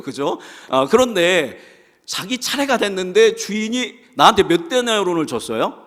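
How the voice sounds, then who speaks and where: In a church sanctuary with the long reverb of a church hall, a male pastor preaches in a somewhat high, slightly bright voice. He keeps putting questions to the congregation and answering them himself.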